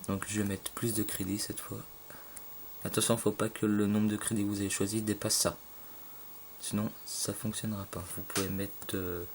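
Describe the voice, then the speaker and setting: A man casually talking through a game tutorial, halting with fillers and loose slang, filmed on a phone at a home computer. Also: fairly low pitch. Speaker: gaming tutorial maker. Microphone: phone filming a screen. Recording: phone recording with faint room noise.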